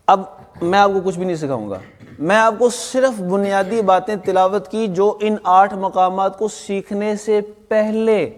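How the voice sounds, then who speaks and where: In a classroom, a male recitation teacher lectures his students firmly and emphatically, pausing now and then to quiz them. His voice is a little high for a man, and a long hall reverb makes the sound ring.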